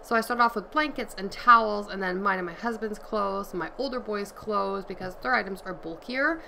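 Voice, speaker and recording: A woman in her thirties talks through her chores in a relaxed, chatty way, her middle-pitched voice carrying a gravelly edge. She is recorded in a home bedroom by a camera set up across the room, with a faint hiss underneath. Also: moderate pace, rough recording. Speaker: vlogger and mother. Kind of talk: casual chat while cleaning. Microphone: camera on a tripod across the room.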